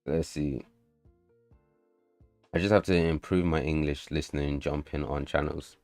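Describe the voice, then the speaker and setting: A livestreamer and game developer with an extremely deep voice chats loosely with his stream while coding and playtesting, cursing freely and bursting into sudden excitement. His measured-pace voice sounds dry and close with no room echo, over faint background music.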